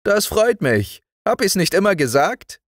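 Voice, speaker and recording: A man's voice: high voice, very animated, measured pace, no echo, studio quality, pitched above the performer's own voice, heavily acted. A man voicing a kindly old village doctor in a storybook reading. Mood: pleased.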